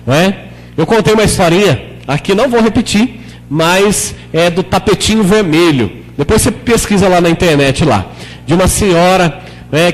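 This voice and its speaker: A man's voice: in a large hall, low-quality recording. A man preaching a sermon as a pastor, talking conversationally and often putting questions to the congregation. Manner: acts out prayers in a lower, softer voice. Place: church hall.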